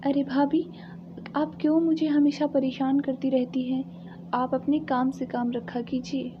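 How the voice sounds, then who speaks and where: A sulky, lazy young daughter-in-law from a cartoon story, as a woman puts her on, whining and petulant. Her voice sits high. The sound is thin and phone-like. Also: little pitch movement, measured pace, background noise. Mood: irritated. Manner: whiny and petulant.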